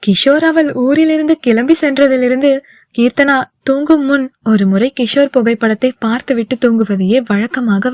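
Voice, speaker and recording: A woman narrating an audio novel in a steady storytelling manner, recorded close to the mic. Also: sits high, no echo. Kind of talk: scripted narration.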